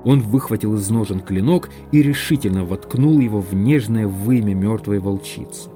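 A man narrating an audiobook in steady, measured scripted storytelling. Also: lowish voice, faint music behind.

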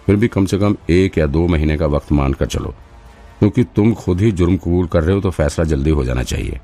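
A man's voice: deep voice, fairly quick, dark tone, soft background music. A man doing a patient police officer. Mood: explaining. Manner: patient, explanatory. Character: calm male police officer explaining procedure.

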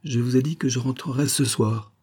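A man's voice: mid-range voice, fairly even intonation, brisk, mellow, breathy edge, voice pushed up, close to an everyday voice. A man voicing a stiff, proud army colonel in an audiobook, clipped and restrained.

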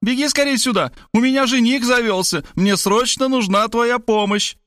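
A loud, domineering older mother who barks orders and gushes over her son, as a male narrator puts her on. Her voice sits high and swings wildly. The sound is dry and close. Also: animated, moderate pace, no echo. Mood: triumphant. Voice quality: shrill, bossy, exclaiming.

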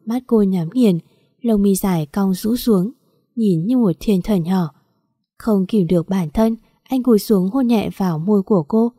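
Female audiobook narrator, even storytelling, mellow timbre. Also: medium pitch, no echo, clean studio sound.

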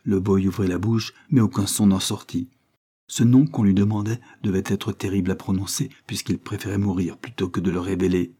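A man reading an adventure novel aloud as narrator in a measured, dramatic way. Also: low voice, fairly even intonation, dark tone, slightly rough. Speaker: audiobook narrator.

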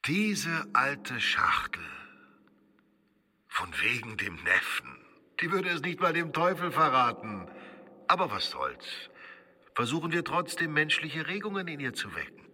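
An actor playing a sly stage conjurer in a radio drama, talking in a smooth, coaxing, mock-confidential way. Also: male voice, a little high, big pitch swings, a little slow, bright, forceful tone, exaggerated voice. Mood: teasing. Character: sly male stage conjurer, probing and teasing.

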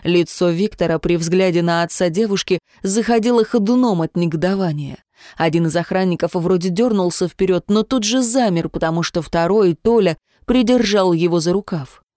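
A woman reading a romance novel aloud as narrator in a measured, dramatic way. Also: lowish voice, mellow, dry recording, studio quality. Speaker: audiobook narrator. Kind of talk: expressive scripted narration.

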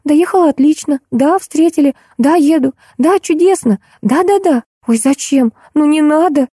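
A woman voicing a shy, blushing young woman who apologizes constantly in a high, chirping voice. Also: moderate pace, dark tone, dry recording, clean studio sound, lightly acted. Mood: fluttering. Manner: breathless, fluttering, apologetic.

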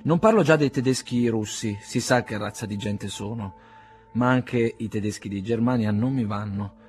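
A man reading as a haughty aristocratic older gentleman. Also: on the low side, normal speed, slight background noise, close to an everyday voice. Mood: cold, haughty. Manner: icy, mannered courtesy.

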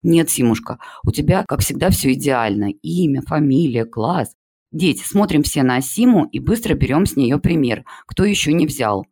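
A man's voice: on the high side, expressive, normal speed, darkish tone, husky. A man voicing a strict female schoolteacher who bosses a noisy online class. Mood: stern. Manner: stern, bossy, trying to keep order.

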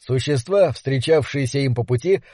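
A man's voice: medium pitch, moderate pace, warm tone, dry recording. Man narrating an audiobook, dry close sound. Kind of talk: scripted narration.

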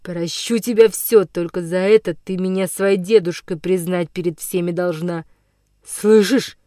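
Lady reading as a rough old tramp villain, menacing and gloating, dry close sound. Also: lowish voice, fairly even intonation, a little slow, dark tone, no room sound, natural voice. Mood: threatening. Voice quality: rough, hoarse-edged voice. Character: coarse older male forest vagabond villain. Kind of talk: audiobook character reading.

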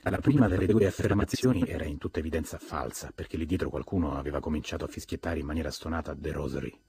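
A man reading a novel aloud as an audiobook narrator, measured and even. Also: rumbling low, gravelly, slightly rough, dry recording. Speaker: audiobook reader.

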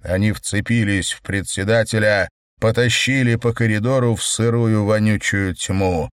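A man narrating an audiobook in a measured, even storytelling manner. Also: fairly low pitch, clean tone, dry recording, studio quality.

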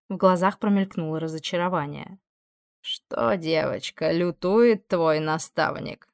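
A woman narrating an audiobook in an even, measured storytelling voice. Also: mid-range voice, no room sound, clean studio sound.

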